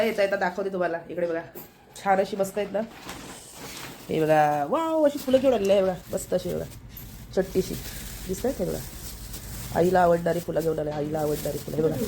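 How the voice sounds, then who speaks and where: A woman's voice: medium pitch, expressive, fast, long pauses, a little mellow, slight background noise. A woman with a Marathi accent, chatting casually to the camera as she shows things around her family home. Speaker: vlogger. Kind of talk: casual family vlog narration.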